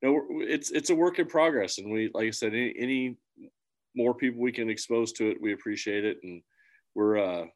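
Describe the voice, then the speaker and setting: A man from central Illinois, a musician appearing as a guest, chats casually in an interview, talking earnestly and rambling with lots of restarts. His voice sits in the mid range and moves a little fast.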